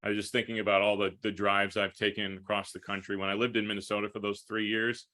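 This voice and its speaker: Fast and sharp-toned, the voice is on the low side and level. It belongs to an American sports broadcaster, a hockey play-by-play man from upstate New York, chatting at length through thoughtful, detailed interview responses.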